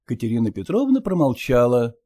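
A reader narrating a classic story aloud in a measured way, voicing the dialogue. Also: mid-range voice, very animated, mellow, dry recording.

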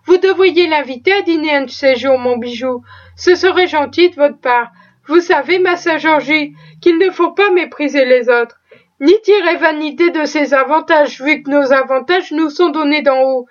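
A woman with a high-pitched, natural voice speaks at a moderate pace, playing a proud, talkative, pious female cook who chatters in a folksy, exclaiming way. The lo-fi recording is slightly dull.

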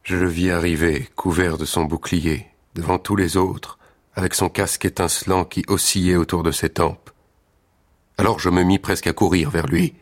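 A warrior telling his battle, deep and grave. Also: steady tone, normal speed. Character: Greek warrior recounting his fight. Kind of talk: scripted literary narration.

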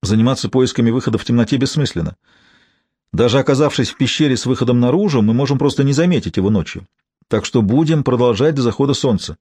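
A man's voice: mid-range voice, fast talker, a little mellow, husky, dry recording, close to an everyday voice. A man reading an audiobook, voicing a stern, insistent professor who leads his daughter. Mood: firm. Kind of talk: audiobook character voice. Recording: dry studio sound.

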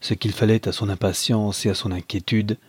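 Man, novel narration, measured, husky voice, dry recording. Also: on the low side, fairly even intonation, dry recording.

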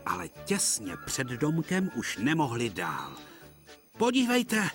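A man narrating a dubbed children's TV cartoon in a gentle, expressive storybook style. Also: medium pitch, soft background music.

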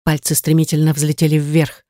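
A woman narrating a novel in the first person, reading in a steady, even manner. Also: deep voice, fairly quick, no room sound, clean studio sound. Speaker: audiobook narrator.

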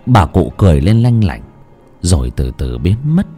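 A man's voice: normal speed, soft background music. A man narrating a horror story in a dramatic storytelling style. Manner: expressive, sweeping pitch.

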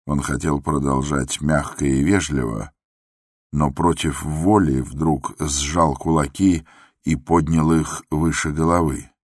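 Very deep, slow male narrator. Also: dry recording, clean studio sound. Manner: measured, even storytelling. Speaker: audiobook reader. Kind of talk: scripted narration of classic prose.

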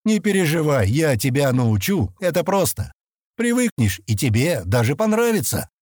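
An impatient, grumbling young spaceman in an audiobook, voiced by the male narrator. The voice stays close to the narrator's own, a touch higher, with lively, exasperated swings. A slightly husky tone in dry, close sound. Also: moderate pace, dry recording. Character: gruff young man, impatient, grumbling leader.

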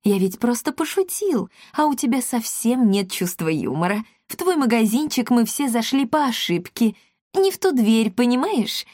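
A woman's voice: a little high, sing-song, moderate pace, a little mellow, dry recording, studio quality, voice pushed up. A woman doing a wheedling cowardly governor. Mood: placating. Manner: placating, wheedling. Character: cowardly, smooth-talking male governor.

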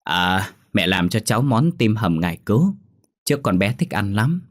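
A man's voice: on the low side, very animated, moderate pace. A man voicing a worried older grandmother in a spoken horror story, fretful and pleading. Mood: weary.

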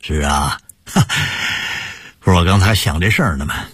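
A man's voice: low-pitched, normal speed, a bit bright, breathy edge, no echo, studio quality. A man voicing a jovial, doting middle-aged shopkeeper father. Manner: hearty, doting.

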